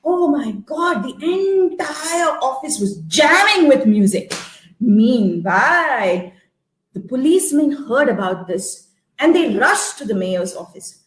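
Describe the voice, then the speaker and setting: A woman tells a folktale live and theatrically, with songs and actions, repeating phrases for effect and checking in with her listeners. Her voice sits high with big pitch swings and a slow pace. The live-stream sound is roomy and echoey.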